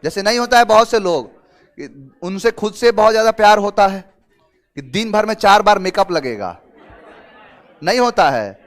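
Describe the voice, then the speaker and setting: High-voiced man teaching an English class. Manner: explains in Hindi mixed with English terms, asks students questions; lively and talkative, gives everyday examples. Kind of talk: online exam-prep class.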